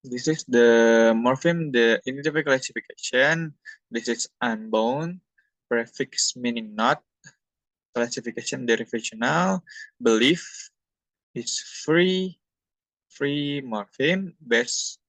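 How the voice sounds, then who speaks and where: A young man from Indonesia, a university student presenting a class talk from slides in a halting, plain explanatory way. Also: medium pitch, fairly bright tone, no room sound, rough recording.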